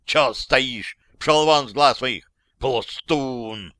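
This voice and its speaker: A man voicing a stern male colonel in an audiobook, barking gruff orders. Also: medium pitch, very slow, pushed and bright, no room sound, studio quality. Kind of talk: audiobook reading.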